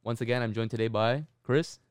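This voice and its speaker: A man's voice: medium pitch, steady tone, brisk, smooth, dry recording, studio quality. A man in his twenties hosting a podcast, bantering in laid-back slang. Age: 20s. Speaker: podcast host. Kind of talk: casual chat.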